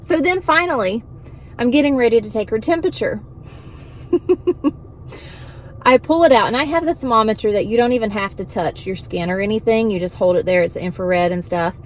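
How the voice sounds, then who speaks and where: A woman, a vlogger and home health worker telling an animated, exasperated story in casual venting style. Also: a little high, normal speed, long pauses, a little hiss or hum.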